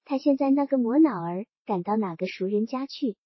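A woman voicing a cautious, scheming middle-aged village official, in a high, breathy voice. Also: animated, fairly quick, no room sound. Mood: wary. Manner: cautious, probing. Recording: dull, dry lo-fi recording.

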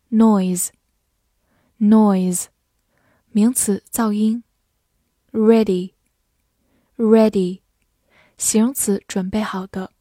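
A woman teacher drills vocabulary very slowly and deliberately, saying each word twice. Her voice is mellow and warm. The recording is dry and close. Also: mid-range voice, dry recording. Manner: says each word twice, slow and clear. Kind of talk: vocabulary review lesson.

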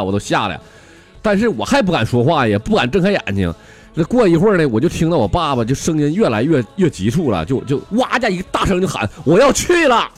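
Man voicing a small boy, timid, whiny, Northeastern accent, lively pitch, comic tale. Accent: Northeastern Mandarin.

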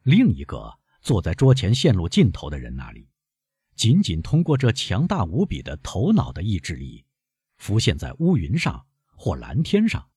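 A suave, mysterious count, as a male narrator voices him, measured and courtly, unhurried in his turns of phrase. His husky, low voice rises and falls widely, recorded dry and close. He comes from a storybook reading. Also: wildly swooping pitch, dark tone, no room sound, full character voice.

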